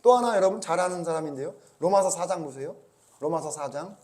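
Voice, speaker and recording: A man's voice: a little high, animated, fast, a little mellow. A male pastor giving a conversational church sermon, often asking the congregation rhetorical questions. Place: church service.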